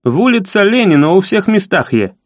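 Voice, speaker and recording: A man voicing a hoarse, mocking young village bully with Ukrainian-mixed speech. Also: high-pitched, sing-song, fairly quick, no room sound, studio quality, voice pushed up. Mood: menacing. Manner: mocking, taunting village dialect.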